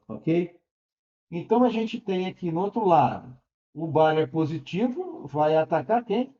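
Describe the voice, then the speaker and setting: A man teaching a lesson in a high, mellow voice. He explains step by step, keeps checking in with his students and fixes his own slips as he goes. The recording sounds dull and lo-fi. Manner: patient, checks in often with tag questions, corrects himself aloud. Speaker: chemistry teacher.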